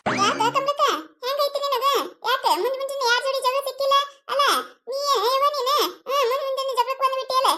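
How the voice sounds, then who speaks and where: A woman's voice: very high voice, little pitch movement, brisk, noisy background. A woman doing a sly, teasing village neighbour denying theft. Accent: North Karnataka Kannada. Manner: teasing, feigning innocence, protesting. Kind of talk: cartoon comedy voice acting.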